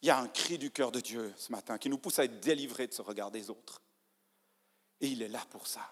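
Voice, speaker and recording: A man preaching a sermon in a church, animated, acting out people's inner voices and swinging from hushed to loud. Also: medium pitch, brisk. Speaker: pastor. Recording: church hall reverb.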